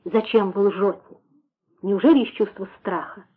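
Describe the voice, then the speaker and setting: A woman's voice: medium pitch, normal speed, slightly rough, close to an everyday voice. A woman reading an audiobook, voicing an anguished young man who pleads and questions with passion. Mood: pleading. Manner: impassioned, questioning. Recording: tinny phone-like sound.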